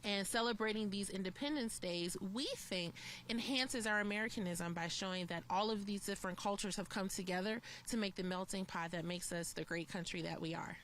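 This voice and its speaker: A woman who runs a museum, answering news interview questions in an earnest, measured and articulate way. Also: medium pitch, fairly bright tone, slight background noise. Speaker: museum executive.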